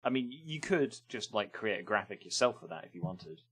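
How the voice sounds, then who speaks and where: A man's voice: fairly low pitch, sing-song, fairly quick, fairly bright tone, slight background noise. A man casually reviewing games on a live stream, rambling and hesitant with lots of ums.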